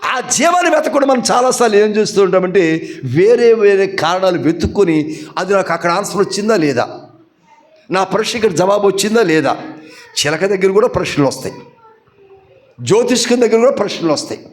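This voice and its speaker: A male pastor preaches a sermon in a high, animated voice that swoops up and down. He keeps asking his congregation questions and answering them himself with everyday examples. At times he builds to loud, emphatic peaks. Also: fairly quick.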